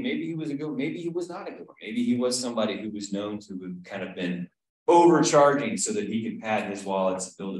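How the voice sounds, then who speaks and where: A man teaching an online Bible study in a chatty way, often asking the group questions and checking in with "right?". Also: medium pitch. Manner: conversational, asks the group questions, frequent "right?". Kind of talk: casual Bible study teaching on a video call. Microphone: video call. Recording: very echoey room.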